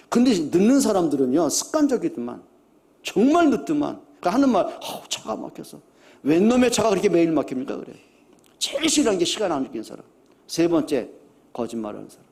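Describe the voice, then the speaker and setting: A middle-aged man preaching a sermon as pastor, talking earnestly and conversationally, repeating his exhortations and moving between hushed and loud emphatic lines. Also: fairly high pitch.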